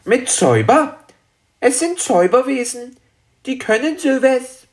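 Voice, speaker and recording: Little christmas dragon, high squeaky eager voice, slow and swoopy. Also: male voice, animated, full character voice. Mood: confident. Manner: high, drawn-out, eager, childlike. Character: small excitable young male Christmas dragon. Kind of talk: audiobook character voice.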